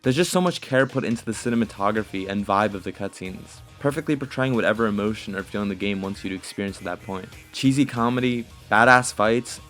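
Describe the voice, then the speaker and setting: A man's voice: medium pitch, a bit bright. A man giving scripted video game commentary as an essayist, in a casual, profane manner. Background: music.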